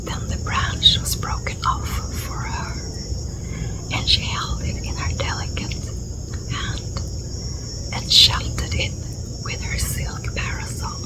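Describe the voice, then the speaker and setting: A native Swedish speaker with a Swedish accent reads a story as soft-spoken ASMR, her gentle, breathy voice often dropping to a whisper in an unhurried, soothing manner. She's outdoors in a garden, where crickets and insects fill the clear ambience. The audio quality is poor.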